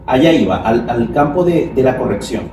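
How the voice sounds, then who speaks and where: A man's voice: medium pitch, lively intonation, moderate pace. A man hosting a conversation, asking questions in a hesitant way and often repeating words. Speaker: host. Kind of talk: conversational interview. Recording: echoey room, far from mic, noisy.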